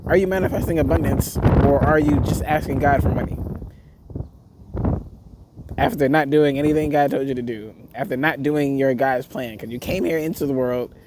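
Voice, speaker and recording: Man, higher-leaning voice, reflective rambling monologue, outdoors, clear traffic noise. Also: brisk. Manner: rambling, reflective, frequent fillers and restarts. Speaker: spiritual vlogger. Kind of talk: casual monologue to camera. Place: outdoors near a street with passersby.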